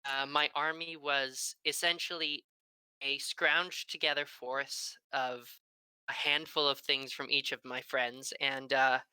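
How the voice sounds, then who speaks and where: Bright, crisp woman from Wisconsin. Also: deep voice, dry recording, rough recording. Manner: chatty storytelling.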